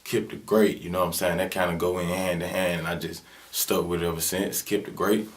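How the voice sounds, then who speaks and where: A rapper in his twenties from Birmingham, Alabama answers interview questions with a Southern US accent, his talk laid-back, slangy and full of fillers. His low-pitched voice moves little in pitch, and he speaks a little fast.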